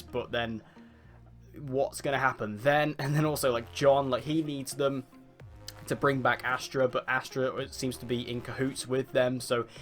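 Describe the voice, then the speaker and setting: A man's voice: mid-range voice, fairly bright tone. A man giving a casual, rambling TV episode review, full of fillers and restarts. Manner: rambling, filler-heavy, says "like" often.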